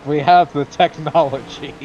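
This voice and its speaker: A man's voice: on the high side, fairly even intonation, moderate pace, a little mellow, highs cut off. A man chatting casually and jokingly in a group voice chat. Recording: clear engine noise behind voice.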